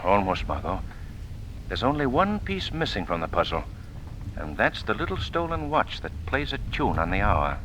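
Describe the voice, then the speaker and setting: An actor playing a commanding, self-assured gentleman sleuth, speaking in the declamatory manner of 1940s radio. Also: fairly low pitch, big pitch swings, normal speed. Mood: composed. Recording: faintly noisy old radio recording.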